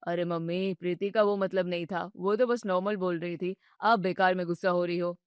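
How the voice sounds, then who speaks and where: A woman voicing a young husband who calmly soothes his upset wife. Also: brisk, smooth, no room sound, clean studio sound, natural voice. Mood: soothing. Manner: low, soothing and patient. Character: young husband, calm peacemaker between wife and mother.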